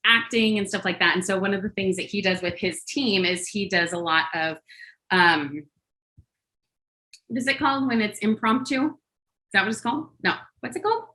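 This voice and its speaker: A woman's voice: medium pitch, sharp tone, low-quality recording. A woman hosting a group coaching call online, chatty and encouraging, with lots of fillers and restarts. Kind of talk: casual coaching talk to a group.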